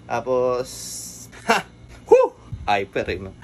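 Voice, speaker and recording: A man's voice: a little high, animated, unhurried. A man from the Philippines chats casually to his viewers from his computer shop. He is easygoing and laughs often. He sounds a bit out of breath. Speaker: computer shop owner and vlogger. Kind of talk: casual vlog chat.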